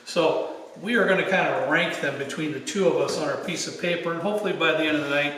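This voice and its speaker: A man with a slightly high voice hosts a casual livestream, rambling and doubling back on his phrases. He sounds distant from the mic in a big echoing space. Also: fast talker, a bit bright. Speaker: show host. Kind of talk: casual chat hosting a livestream tasting. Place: unfinished basement with bare floor. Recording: big hall echo, distant mic, faint noise.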